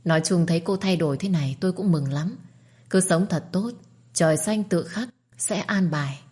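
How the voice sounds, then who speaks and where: Kind young gentleman in a storybook, speaking quietly and low, read by a woman. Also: normal speed, slightly rough.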